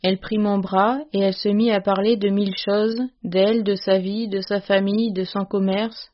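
A woman reading a classic short story aloud as narrator, in a measured, even storytelling manner. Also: medium pitch, dull audio. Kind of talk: scripted audiobook narration.

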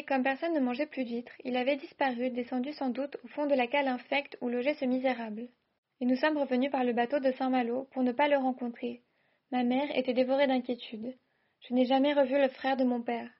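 High-voiced woman reading a story aloud. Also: muffled recording.

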